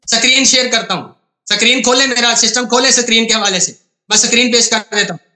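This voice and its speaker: A man's voice: very high voice, bright, forceful tone. A man debating on a video call, insistent and repetitive, often talking over his opponent. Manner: insistent, repeats himself, talks over opponent. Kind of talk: heated online debate.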